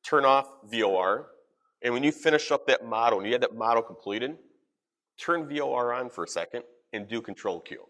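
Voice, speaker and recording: A man giving practical advice in a live software demo at a conference session. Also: mid-range voice, expressive, brisk. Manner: practical, advisory. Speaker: presenter.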